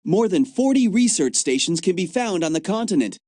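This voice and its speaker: A man voices an upbeat young field agent in a video game, eager, chatty, and full of jokes about gadgets and the cold. His voice is high with a darkish tone, very animated and fairly quick. The dry studio mic gives clean sound with no echo.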